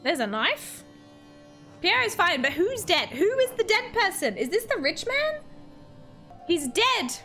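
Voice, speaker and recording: A woman's voice: very high-pitched, big pitch swings, slow, long pauses, bright, forceful tone, faint music behind. Chatty young woman streaming a game. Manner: chatty, reads game text aloud, jokes and reacts with alarm. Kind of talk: live game playthrough commentary.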